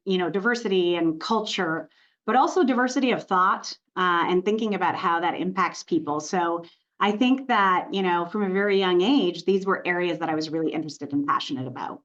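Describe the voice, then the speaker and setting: A woman's voice: fairly low pitch, moderate pace, fairly bright tone, highs cut off. A woman from Montreal, Canada, a corporate communications executive, telling her story as a podcast guest with frequent "you know" fillers. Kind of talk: podcast interview.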